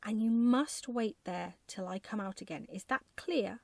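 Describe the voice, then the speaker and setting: A woman voicing a brisk, bossy but kind old wife in a soft ASMR bedtime storybook reading. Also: a little high, gravelly, dry recording. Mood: firm. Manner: firm, bossy, matter-of-fact.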